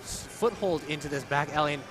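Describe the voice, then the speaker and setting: A man's voice: on the high side, brisk. A man doing live esports commentary, chatty and explaining game mechanics with a laugh.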